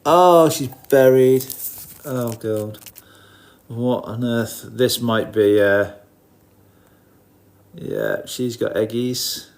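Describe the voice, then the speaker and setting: His medium-pitched voice is sing-song and nasal with a head cold, full of drawn-out words, vocal fry and long pauses. The man hosts a casual livestream, greeting viewers as he looks over his fish tank and muttering asides.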